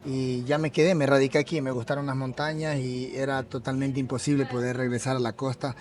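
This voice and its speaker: A man with a coastal Ecuadorian accent talks at a middle pitch. He tells his story earnestly, often repeating words while he searches for the next. He is a guest in a café interview. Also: level tone, brisk, darkish tone. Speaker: guest, mountaineer and police officer. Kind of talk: casual interview.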